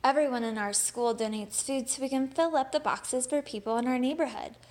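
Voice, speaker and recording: In a high-sitting voice and brisk tempo, a woman performs a children's picture book with lively, expressive storytelling.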